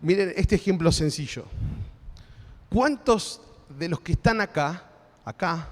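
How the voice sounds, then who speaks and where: A male pastor with an Argentine accent preaches in an easy, conversational way and keeps checking in with his listeners. His voice sits high for a man. The sound carries a long reverb from a church hall. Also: lively intonation, a little slow. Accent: Argentine Spanish. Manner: conversational preaching with frequent tag questions. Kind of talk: sermon.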